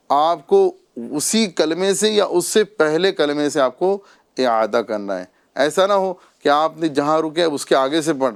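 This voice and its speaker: A male Quran recitation teacher with a voice set a little high. He drills pronunciation slowly, stretching each syllable and repeating every example several times. Between drills he keeps checking in with his listeners. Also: clear, resonant tone. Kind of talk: Quran reading lesson.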